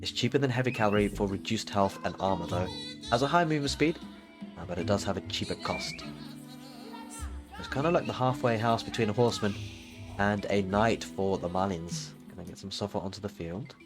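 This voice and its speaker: A man giving steady play-by-play commentary on a strategy game match, explaining moves as they happen with frequent fillers. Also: fairly low pitch, fairly quick, music in the background. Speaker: esports caster.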